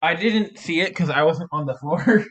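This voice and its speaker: Halting game master, fairly high male voice. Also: fairly bright tone. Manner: halting, thinks aloud with many restarts. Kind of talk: running a tabletop game on a livestream.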